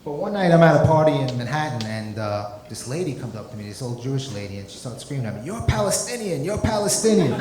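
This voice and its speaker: A man performing a stand-up comedy set on a club stage, talking conversationally into a handheld microphone. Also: medium pitch. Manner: conversational, peppered with "you know". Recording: roomy club recording, loud audience laughter.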